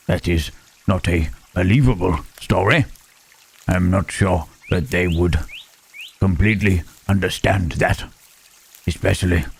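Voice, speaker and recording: A gentle, earnest creature, played by a man, speaks in a deep, rough-edged voice. He moves very slowly through formal, halting phrases, often seeking assent. It is an intimate ASMR roleplay of a lonely monster addressing a friend. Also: exaggerated voice. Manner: halting, formal speech without contractions, trailing "huh?". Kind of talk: ASMR roleplay, intimate scripted monologue to listener.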